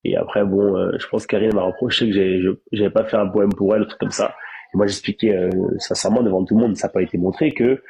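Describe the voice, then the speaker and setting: A man's voice: fairly low pitch, steady tone, fast talker, a little mellow, husky, rough recording. A young man with a congested, blocked-nose voice, chatting casually on a live stream and explaining himself emphatically with repeated rhetorical questions. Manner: repetitive, emphatic self-justification with rhetorical questions. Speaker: live-stream host, reality show participant.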